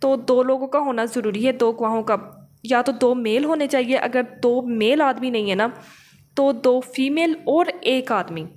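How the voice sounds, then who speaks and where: A woman with a high, darkish voice speaks a little slowly. In her role as a law teacher, she reads out English legal text and explains it didactically, frequently checking in through quick tag questions.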